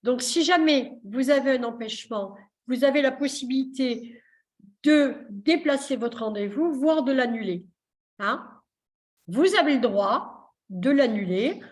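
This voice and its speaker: The same kind of casual live video session comes from a woman therapist whose high, animated voice moves at an unhurried pace. She's chatty and joking, full of fillers, and heard through a computer mic on the call.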